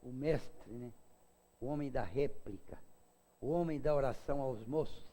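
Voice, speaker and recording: A man's voice: unhurried, warm tone, long reverb tail. An older man from Brazil giving a casual spiritist lecture, chatty and humorous, with asides to his audience. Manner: acts out quoted voices in a high pitch.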